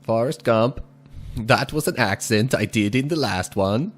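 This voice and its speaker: A man with a mid-range voice hosts a gaming video, casually talking through the gameplay. He fakes an exaggerated foreign accent and speaks deliberately, now and then chuckling.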